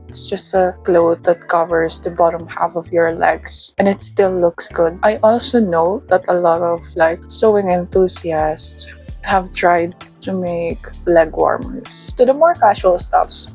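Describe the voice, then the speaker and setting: A young woman with a Filipino accent chats through a casual vlog, musing aloud and poking fun at herself. Her voice sits a bit low and sounds slightly drowsy. Soft guitar music plays faintly behind her. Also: rough recording. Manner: chatty, self-deprecating, musing aloud. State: sleepy, just woken. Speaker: vlogger. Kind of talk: casual chat to camera.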